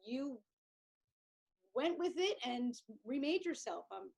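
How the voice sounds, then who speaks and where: A woman with a New York accent hosting an interview, enthusiastic and quick to react to her guest. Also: high voice, sing-song, vocal fry. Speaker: host. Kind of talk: casual interview talk.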